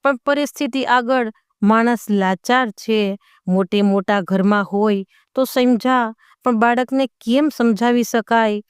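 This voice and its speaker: A woman telling a moral story in a gentle, heartfelt manner. Her voice is smooth and clear, pitched a little high, and recorded close with no room echo. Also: slow pace.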